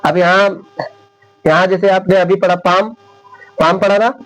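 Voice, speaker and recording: A man teaching English spelling rules at a whiteboard, repeating each example word slowly and often checking whether his viewers understand. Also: high-pitched, fairly even intonation, a bit bright, poor audio. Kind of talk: whiteboard classroom lesson.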